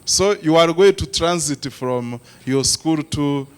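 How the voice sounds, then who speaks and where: A Rwandan man leads a presentation to a youth forum, engaging the audience by asking them questions, often pausing with "uh." His voice is fairly high-pitched, slow and smooth.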